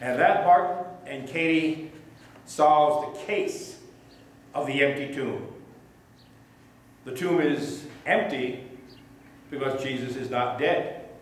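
A middle-aged male pastor telling a children's sermon story slowly and gently to puppets, at a lectern in a small church. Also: medium pitch. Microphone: fixed camera a few feet away, lectern mic. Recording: echoey church from some distance.

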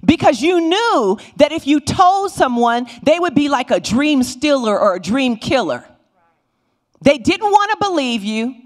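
Animated woman teaching Sunday school. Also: sits high, measured pace. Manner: animated storytelling, voices the Bible figures. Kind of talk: Bible lesson teaching. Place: church sanctuary. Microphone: handheld microphone.

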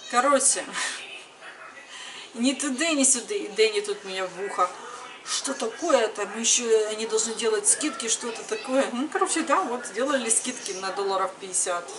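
A vlogging mother in her thirties speaks to camera at a normal speed in a fairly high voice, casually retelling daily exchanges. The setting moves from her home kitchen to another indoor room, and the camera mic is somewhat distant in a noisy space.

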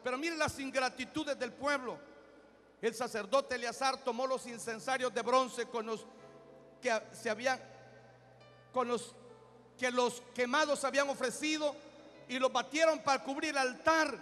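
A man preaching a sermon as pastor, reading scripture and breaking into shouted exhortations. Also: extremely high pitch, fairly even intonation, normal speed. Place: church. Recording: hall reverb with faint music.

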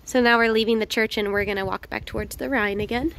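A woman vlogging casually while walking outdoors through an old town, chatty and slightly hoarse, with lots of fillers. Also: fairly high pitch, steady tone, fast, a bit bright, slight background noise. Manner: chatty, laughs often, hesitant fillers. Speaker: travel vlogger.

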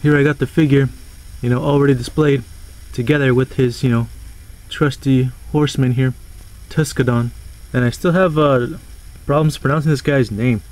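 A man talks through an action figure in a loose, unscripted way, pitched in an ordinary middle register. He rambles, corrects himself mid-sentence and drops casual swearing as he goes. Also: steady tone, moderate pace, darkish tone, low-quality recording. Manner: rambling, swears casually, stumbles over words. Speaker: toy reviewer. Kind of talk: casual toy review.

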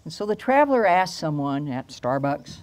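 An older woman pastor preaching a storytelling sermon outdoors at a lectern into a handheld mic, slowing down to stress key phrases. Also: low voice, sing-song, darkish tone. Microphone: handheld microphone.

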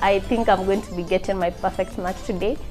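A soft-spoken Kenyan woman in her twenties, politely questioning men on a dating show in a TV studio. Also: mid-range voice, fairly even intonation, fairly quick, soft background music. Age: 20s.

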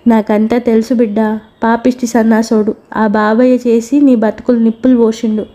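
Blunt village mom, voiced by a woman, coaxing, dark mellow tone, flat. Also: on the high side, moderate pace, lightly acted. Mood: comforting. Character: older village mother, blunt and comforting.

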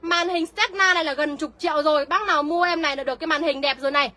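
A young woman, selling used cars on a livestream in a brisk sales patter and answering viewer comments. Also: high voice, steady tone, sharp tone, dry recording. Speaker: used car seller.

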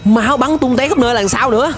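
This young adult reaction-video host, who has a Southern Vietnamese accent, talks at a quick pace in a very high-pitched voice. He's animated and exclamatory, full of excitement. Music and a cartoon soundtrack play behind him as he speaks into a close desk mic at his indoor gaming setup.

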